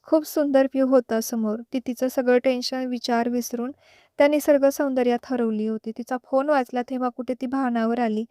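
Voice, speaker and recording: Woman storyteller, steady unhurried narration, slightly high voice, close mic. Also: clean tone, no echo.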